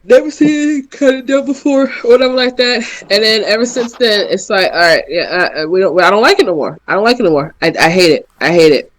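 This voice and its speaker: A man co-hosting a podcast in casual chat, animated and swearing, often acting out reactions. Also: high voice, fast talker, hardly any pauses, low-quality recording. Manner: animated, profane, slips into impressions. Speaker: podcast co-host.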